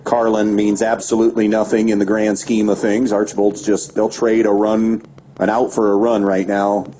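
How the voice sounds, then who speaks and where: A male radio baseball announcer with a mellow voice delivers play-by-play commentary at a moderate pace. He calls each pitch steadily and fills the gaps with stats, over a dull lo-fi broadcast carrying faint background noise.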